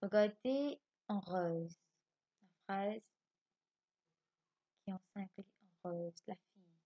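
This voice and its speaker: A Mauritian French schoolteacher takes young pupils through a remote lesson step by step, pausing to check they understand. Her voice sits in the middle range for a woman. The home recording sounds a little dull. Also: mid-range voice. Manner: slow, patient explaining with frequent checks for understanding. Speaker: primary school teacher.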